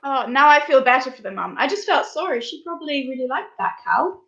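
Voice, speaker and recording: A woman co-hosting an online youth quiz, chatting casually with wry, gentle humour. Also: high voice, very animated, a little fast, gravelly, lo-fi sound. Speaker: youth group co-host.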